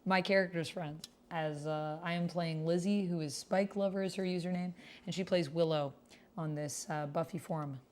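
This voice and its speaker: Her voice is lowish and darkish, with a steady tone at normal speed. Hosting a tabletop roleplay on a livestream, she talks informally to viewers, chatting with them and reading chat and story passages aloud.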